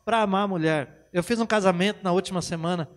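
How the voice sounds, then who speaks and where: A man's voice: sits high, fast talker, long reverb tail. A Brazilian man preaching a conversational sermon to a congregation, bantering with people by name and acting out little dialogues. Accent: Brazilian Portuguese. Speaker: pastor. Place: church hall.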